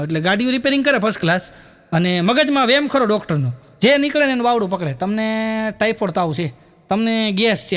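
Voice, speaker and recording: A man's voice: high-pitched, fairly bright tone. A man telling folksy jokes to a live audience, acting out the people in his stories. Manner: folksy storyteller, acts out quoted characters. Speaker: stand-up comedian.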